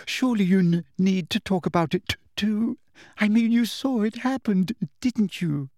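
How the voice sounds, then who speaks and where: A man voicing a hurt, jealous teenage girl who stammers through tears, raising his voice high for her. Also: animated, moderate pace, a little mellow, no room sound, clean studio sound. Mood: tearful. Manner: stammering, shrill and weepy.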